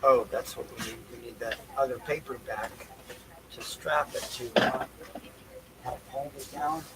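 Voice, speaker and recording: A mid-range male voice, a little slow, belongs to a livestream host muttering his way through setup. His talk is rambling and unscripted, full of repeated phrases as he thinks things through to himself, all under heavy background noise.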